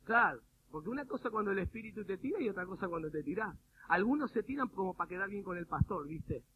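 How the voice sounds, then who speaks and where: High-voiced Argentine preacher on tinny radio. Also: male voice, quick pace. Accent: Argentine Spanish. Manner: animated, humorous, mimics people in quotes. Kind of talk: sermon. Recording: phone-like radio broadcast with faint noise.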